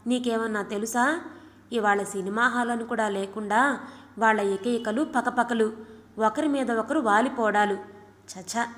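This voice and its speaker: Woman reading as angry middle-aged woman friend, sharp scolding tone, fairly high voice, long reverb. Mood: outraged.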